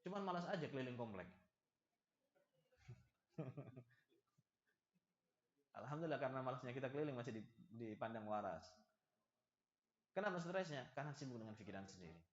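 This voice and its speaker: A man giving a religious study lecture in a lively, joking manner, speaking to a gathered audience. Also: medium pitch, normal speed, pauses often. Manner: lively, acts out little dialogues and jokes with the audience. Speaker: preacher giving a study lesson. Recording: echoey, slightly dull hall recording.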